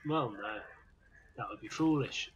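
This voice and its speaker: A man's voice: medium pitch, measured pace, muffled recording, slight background noise. A man chatting casually while playing a game with a friend, making wry offhand remarks. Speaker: game streamer. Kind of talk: casual gameplay chat.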